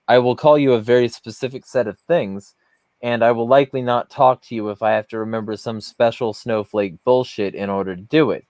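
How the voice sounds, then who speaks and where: A man's voice: medium pitch, steady tone, fairly quick, a little mellow, no echo. A man hosting a podcast who rants bluntly and swears often in casual heated talk. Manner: blunt, profane, ranting. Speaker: podcast host.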